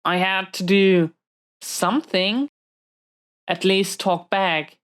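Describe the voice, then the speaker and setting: Speaking slowly in a smooth, natural mid-range voice with fairly even intonation, a woman voices an imprisoned supervillain who is protective, quick to anger, yet tender. She talks to an unseen listener in an intimate roleplay, defensive, hesitant, and irritated.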